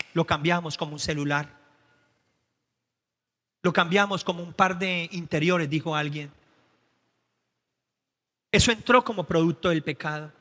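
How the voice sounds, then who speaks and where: A Colombian man preaches with a high, bright, sharp voice. He acts out Bible scenes and swings from hushed asides to shouted cries. The sound carries the long reverb of a church hall. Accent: Colombian Spanish. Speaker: pastor. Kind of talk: sermon.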